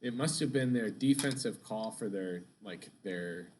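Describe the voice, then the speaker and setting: A young man in a casual chat, joking and telling a lively story. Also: on the low side, unhurried, slight background noise. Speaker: co-host getting makeup done.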